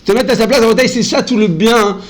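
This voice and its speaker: A man giving an animated Torah class, often calling out to his listeners and mixing in Hebrew terms. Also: very high voice, a little fast, rough recording. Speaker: rabbi teaching a Torah class. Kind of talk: lively Torah lesson.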